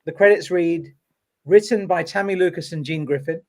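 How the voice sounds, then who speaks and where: Guy w a slightly high voice reading off credits, asking direct questions. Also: normal speed, a little mellow. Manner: reads out credits and asks pointed questions. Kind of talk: casual podcast chat.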